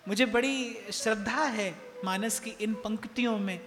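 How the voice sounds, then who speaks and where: Male spiritual speaker, slow deliberate delivery, emphatic repetition; temple hall with long reverb. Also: sits high, a bit bright. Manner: slow, emphatic, repeats phrases for effect. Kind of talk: devotional sermon. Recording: long hall reverb, faint music behind.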